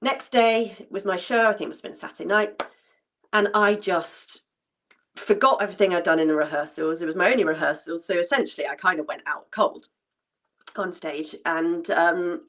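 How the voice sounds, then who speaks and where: A woman's voice: on the low side, moderate pace, a bit bright. A woman, a former dancer telling a personal story in a chatty way, full of fillers and restarts. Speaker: former dancer sharing her story at an event. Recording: dull lo-fi sound.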